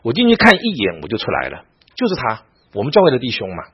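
A man's voice: mid-range voice, huge pitch swings, fast talker, slightly rough, muffled recording. A man, a pastor, lecturing a Bible class, telling stories and often asking his listeners rhetorical questions.

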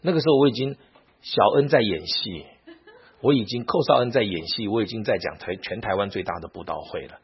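A church elder tells a story in a sermon. He is animated, acts out quoted speech and often restarts his sentences. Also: fairly low pitch, brisk, husky. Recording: muffled lo-fi recording.

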